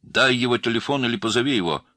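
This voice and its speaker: Guy doing a scared pushy young woman yelling down the phone, bright edge, no room sound. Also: mid-range voice, quick pace, no room sound, pitched above the performer's own voice, natural voice. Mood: commanding. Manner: urgent, insistent.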